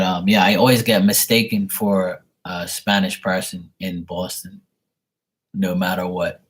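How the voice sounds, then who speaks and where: Blunt, rambling low-voiced man. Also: slightly rough. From Bermuda. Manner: blunt, rambling, swears casually. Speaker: tarot reader. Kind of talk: casual live-stream storytelling.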